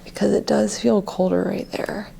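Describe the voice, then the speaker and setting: A woman chatting casually during a ghost hunt, excitable and easily startled, in on-location vlog sound. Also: mid-range voice, normal speed, vocal fry, slightly rough. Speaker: paranormal investigation vlogger.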